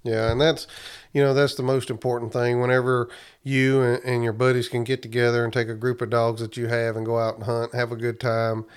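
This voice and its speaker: A man's voice: medium pitch, little pitch movement, a little fast, clear, resonant tone. A man hosting a podcast, chatting casually in a folksy way. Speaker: podcast host. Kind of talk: casual interview chat.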